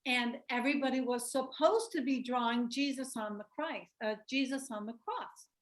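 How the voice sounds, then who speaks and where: Woman running a zoom workshop, kinda high voice, thoughtful, tells stories, asks the group stuff. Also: moderate pace. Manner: reflective, storytelling, asks the group questions. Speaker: workshop presenter. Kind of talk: online workshop talk. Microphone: video call.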